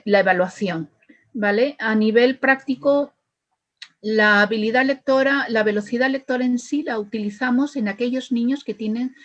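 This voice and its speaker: A woman's voice: a little high, highs cut off. A woman speech therapist, explaining her methods with worked examples and frequent fillers. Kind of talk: explaining to an interviewer.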